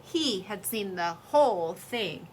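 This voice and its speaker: A woman reading a children's story aloud in an expressive, lively storytelling way. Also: medium pitch, slow, slight background noise.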